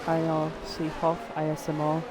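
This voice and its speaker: A man's voice: on the high side, completely flat delivery, moderate pace. Man, tired, laid-back sim racing commentary, chatty, noisy mic. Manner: laid-back, chatty, addresses viewers and drivers directly. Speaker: race commentator.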